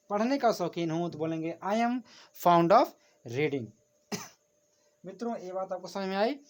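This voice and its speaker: Man, teacher, grammar lesson, patient, repeats himself, writing on a board. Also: sits high. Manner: patient, repeats points, often addresses viewers as friends. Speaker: English teacher.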